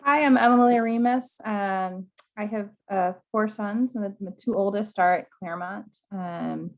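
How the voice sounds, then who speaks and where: A woman's voice: medium pitch, measured pace. A woman introducing herself as a parent in a meeting, hesitant with frequent fillers, on a video call. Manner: warm, hesitant with many fillers. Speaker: parent committee member.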